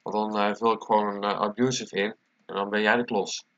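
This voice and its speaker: Guy w a cold, stuffy nose, low voice, doing a casual screen tutorial, muffled mic, typing noises. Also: level tone, fairly quick, a bit bright. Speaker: tutorial presenter. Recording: dull lo-fi mic, clear background noise. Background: keyboard typing and clicking.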